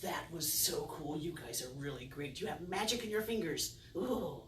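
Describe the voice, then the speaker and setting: A woman's voice: sits low, normal speed. A middle-aged woman performing as a kids' party magician, playful and theatrical with exaggerated wonder and mock confusion, talking to her audience. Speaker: children's magician and circus performer. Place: indoor room with a small curtained stage. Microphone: distant camera. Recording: roomy, distant camera sound with faint noise.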